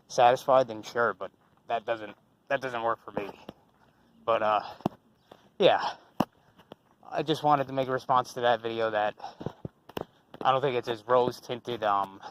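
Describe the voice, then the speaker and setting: Against a noisy background, a young man of medium pitch delivers unscripted commentary as a channel host. It's casual and profane, meandering with fillers, restarts and offhand swearing.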